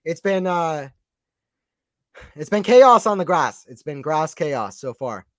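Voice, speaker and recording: A man's voice: on the high side, dry recording, clean studio sound. A young man doing casual live tennis play-by-play, chatting with viewers and reading the chat aloud. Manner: chatty, reads chat aloud, quick excited calls. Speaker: live stream commentator.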